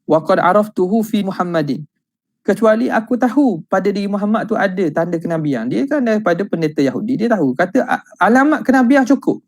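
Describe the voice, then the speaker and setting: A man's voice: high voice, expressive, a little fast, darkish tone, no room sound. A male religious teacher with a Terengganu Malay accent, reading classical Arabic text and explaining it in a casual, conversational way, with rhetorical questions.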